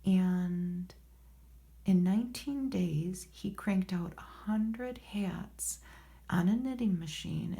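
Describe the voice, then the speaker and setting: A woman speaking in a soft, hushed, often whispered ASMR voice, reading from a magazine with unhurried, murmured, rambling asides to herself. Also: fairly low pitch, creaky. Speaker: ASMR host. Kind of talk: soft-spoken ASMR magazine read-through with casual commentary.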